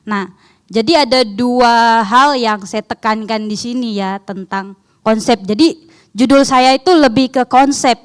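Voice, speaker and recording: A woman's voice: fairly high pitch, unhurried, clear, resonant tone. A young woman, a foreigner speaking Indonesian with a foreign accent, presenting research informally and often putting questions to her listeners. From outside Indonesia. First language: not Indonesian.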